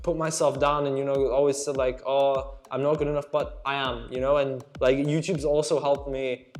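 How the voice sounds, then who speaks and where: A teenage boy from Slovakia answering viewer questions in a casual vlog, chatty and earnest, calling his viewers guys and dude. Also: medium pitch. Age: teens. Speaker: student YouTuber. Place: at home at night.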